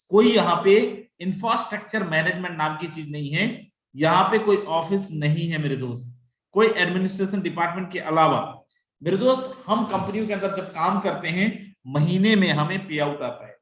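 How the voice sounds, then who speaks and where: A man delivers an online sales pitch over a video call, his voice a touch higher than most. He is persuasive, keeps calling the audience his friend and drops into English phrases. The room sounds echoey. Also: fairly bright tone. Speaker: webinar presenter.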